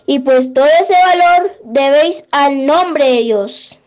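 A woman with a high, light voice leads a prayer, taking each verse at an unhurried, deliberate pace. Her recitation is measured and devotional, with the steady cadence of someone reading a litany aloud. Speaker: prayer leader.

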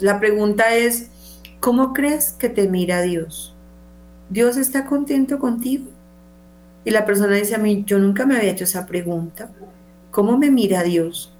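A woman who works as a faith counselor talks fervently about God. She asks rhetorical questions and keeps checking in with a quick "¿sí?". Her voice is mid-pitched, with faint noise in the background. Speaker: pro-life counselor, guest. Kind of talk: religious talk, testimony.

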